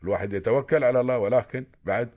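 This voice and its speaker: A man with an Emirati Arabic accent speaks very fast on a radio call-in, pressing his advice on listeners and circling back to the same points with insistence. His voice sits at a middling pitch. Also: a little mellow. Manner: insistent, lecturing, repeats himself. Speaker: caller.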